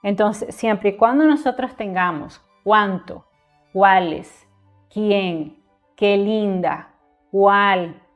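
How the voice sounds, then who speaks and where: A woman's voice: mid-range voice, extremely slow, highs cut off, faint music behind. A woman from Nicaragua who tutors Spanish writing, patiently explaining grammar rules in a lesson and repeating each one with lists of examples.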